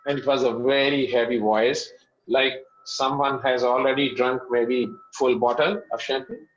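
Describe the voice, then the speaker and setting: A middle-aged man with a Pakistani accent telling a personal story as an interview guest, in halting phrases with repetitions. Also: mid-range voice, fairly even intonation, lo-fi sound.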